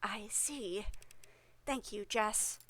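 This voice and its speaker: A woman's voice: mid-range voice, extremely slow, sharp tone, dry recording, exaggerated voice. A woman voicing a weary, evasive doctor in a game, close to her own voice. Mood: dry.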